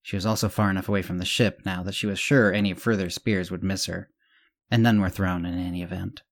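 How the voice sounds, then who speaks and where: A man narrating a serialized story as the show's host, at a slightly low pitch. His reading is measured and even, with the odd restart. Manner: measured reading with small self-corrections.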